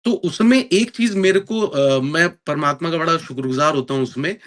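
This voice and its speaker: This is a man in his thirties, an actor based in London, whose voice sits on the high side and moves at a moderate pace. He answers interview questions earnestly in an Indian accent, mixing in English phrases and leaning on plenty of fillers.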